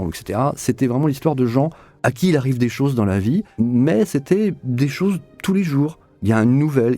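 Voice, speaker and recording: Being interviewed as an audio drama director, a man talks reflectively, explaining and rephrasing, repeating things for emphasis. His mid-range voice is mellow, and there's no echo.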